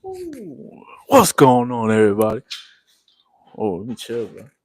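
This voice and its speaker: Worn out after a long day, a young livestream host yawns through a relaxed chat, reading viewer comments in a drawl thick with slang. He speaks at a moderate pace in a lowish, darkish voice, with no echo on the recording.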